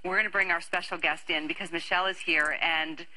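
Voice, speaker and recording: A middle-aged woman hosting a home shopping show, delivering an enthusiastic, chatty sales pitch in a TV studio. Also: fairly even intonation, brisk, bright, forceful tone, poor audio.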